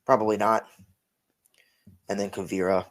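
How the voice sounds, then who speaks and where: A man's voice: fairly low pitch, flat delivery, moderate pace. A tired man co-hosting a casual podcast chat, rambling and correcting himself as he goes. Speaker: podcast co-host.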